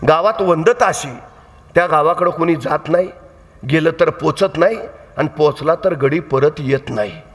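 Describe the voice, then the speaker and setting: A male orator giving a motivational public lecture full of storytelling, dramatic and swinging between hushed and shouted emphasis. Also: a little high, measured pace. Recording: echoey hall.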